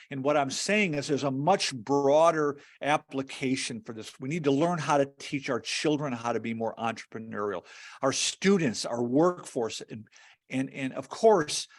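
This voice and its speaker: A man giving a webinar presentation over a video call, earnest, often repeating words and filling pauses. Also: medium pitch.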